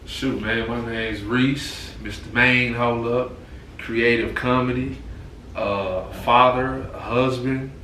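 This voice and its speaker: A man's voice: medium pitch, steady tone, slow pace, sharp tone. Joking young man from East Texas, echoey room. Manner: joking, playful, boastful in jest. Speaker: comedian and content creator, podcast guest. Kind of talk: casual chat. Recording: echoey room, mic at a distance, faint noise.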